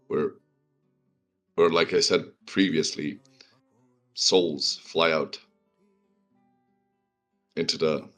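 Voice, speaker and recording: A man's voice: rumbling low, a bit bright, heavily acted. A man voicing a wary male adventurer in a tabletop game, questioning in a cautious way.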